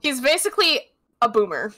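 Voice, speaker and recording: A woman's voice: high-pitched, sing-song, brisk, pushed and bright. Offhand, sweary young woman guest. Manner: offhand, sweary, trailing fillers. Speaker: guest co-host. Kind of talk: casual commentary chat while watching a show.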